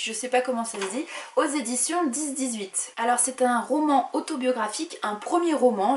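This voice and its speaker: A woman's voice: on the high side, a little hiss or hum. Chatty French woman in an echoey room. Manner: chatty, many "euh" and "voilà". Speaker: book vlogger. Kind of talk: casual unboxing review.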